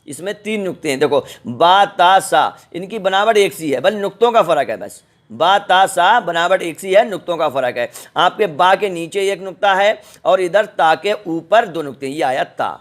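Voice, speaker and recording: A middle-aged man teaching the Quran's alphabet in a recorded lesson, patient and repetitive, sounding letters out slowly. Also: high-pitched, expressive.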